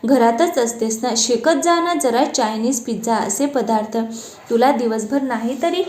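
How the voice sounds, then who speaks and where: A woman's voice: fairly high pitch, unhurried, a little mellow, reverberant, lightly acted. A woman reading the part of a demanding, sulky teenage girl who complains to her mother, in a storybook narration. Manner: complaining, bossy.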